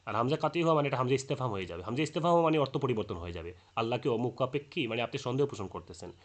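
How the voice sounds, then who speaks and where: A man giving a Quran recitation lesson, explaining rules patiently, repeating his points and chanting verses slowly as examples. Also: mid-range voice, expressive. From Bangladesh.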